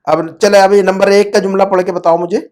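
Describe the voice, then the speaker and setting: Speaking through a computer microphone in an online video class, an Arabic teacher explains pronunciation to a student in Urdu, sprinkling in English terms. The voice sits at an average pitch with a level, slightly mellow tone, and the manner is patient, with repeated words and frequent checks for understanding.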